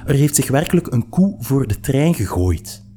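An excitable, stubborn young woman bursts out in a high, loud voice, as a male narrator puts her on. She gushes and snaps by turns in a storybook reading. A faint guitar plays underneath. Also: moderate pace, slightly rough. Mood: snappish. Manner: high-pitched, laughing and exclaiming.

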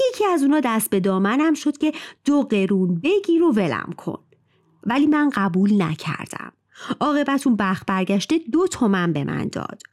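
A woman storyteller voicing a poor, quick-tempered male cobbler who brags loudly. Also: on the high side.

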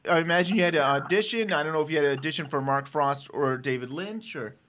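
A man's voice: fairly high pitch, fast, fairly bright tone. A man hosting an interview, asking questions in an upbeat, encouraging way. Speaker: podcast host.

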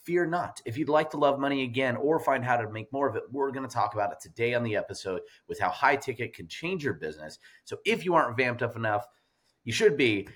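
A man's voice: mid-range voice, expressive, fast talker, fairly bright tone. A man hosting a podcast, enthusiastic and jokey, talking over a remote call. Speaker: podcast host. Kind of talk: energetic podcast intro and interview. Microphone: remote call recording.

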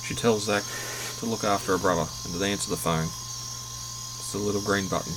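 A man reads through a film scene by scene in an even, matter-of-fact voice that sits a little low. Crickets and insects chirp clearly behind him throughout. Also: moderate pace, background noise. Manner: steady, matter-of-fact reading. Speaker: podcast narrator. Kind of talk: read minute-by-minute film recap.

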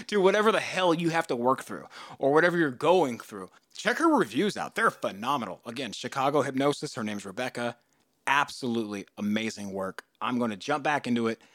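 A man in his thirties hosting a podcast, telling a story in a casual, animated way and jumping into loud, high voices for the people he quotes. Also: no echo, clean studio sound. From United States. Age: 30s. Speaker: podcast host.

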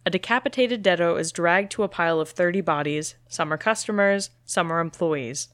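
A woman reading the stage directions of a screenplay, steady and matter-of-fact. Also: lowish voice, a little fast, no room sound, studio quality. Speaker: script reader.

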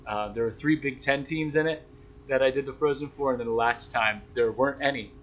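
Fielding interview questions, a young man who works as a sports broadcaster comes across as reflective, self-deprecating and conversational. He talks fairly quickly in a mid-range, fairly bright voice, and the young adult is recorded in dull lo-fi sound against a noisy background.

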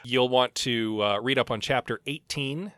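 A man's voice: medium pitch, moderate pace, a bit bright. A man co-hosting a casual book discussion in a wry, playfully argumentative way. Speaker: podcast co-host.

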